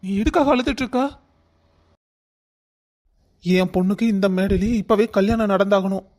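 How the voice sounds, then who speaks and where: A man's voice: high voice, normal speed, darkish tone, natural voice. A man voicing a firm, protective middle-aged father in a cartoon family story, speaking in a commanding way. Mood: consoling.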